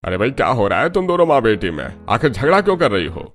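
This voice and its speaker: A man's voice: medium pitch, sing-song, fast talker, a bit bright, faint music behind. A man voicing an easygoing, indulgent middle-aged father in a cartoon, casual and placating.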